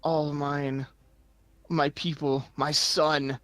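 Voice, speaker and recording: Man as a slow, grieving, guilt-ridden warrior. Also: on the high side, little pitch movement, fairly bright tone, no room sound. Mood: anguished. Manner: halting, solemn short phrases. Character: grieving, guilt-ridden male warrior who lost his people. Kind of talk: tabletop role-play.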